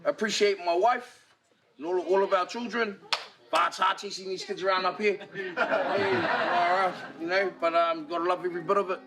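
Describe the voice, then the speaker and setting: Casual New Zealand man, slightly high voice. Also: steady tone, moderate pace, a loud crowd, heavy background noise. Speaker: documentary participant. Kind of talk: casual unscripted talk.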